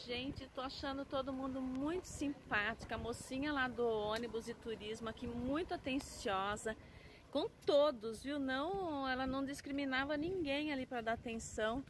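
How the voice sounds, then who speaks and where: A middle-aged Brazilian woman with a Brazilian Portuguese accent chats enthusiastically to her viewers in a casual travel vlog, walking outdoors on city streets. Her voice is high and her pace moderate, captured by a handheld camera at arm's length with street traffic noise behind her.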